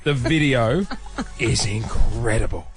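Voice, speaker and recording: A man's voice: mid-range voice, slow, music in the background. An Australian man hosting a breakfast radio show, joking and teasing his guest in upbeat banter.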